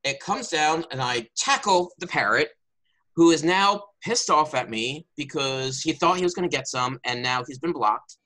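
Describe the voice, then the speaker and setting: A man's voice: a little high, animated, normal speed, sharp tone, poor audio. A man telling a playful tall tale and hosting turns in an improvised storytelling game over a video call. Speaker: game host and player.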